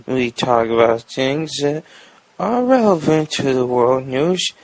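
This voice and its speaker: Slow-talking young man joking through news. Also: medium pitch, sing-song, no room sound. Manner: rambling, jokey, fond of puns. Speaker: podcast host. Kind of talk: improvised comic news monologue.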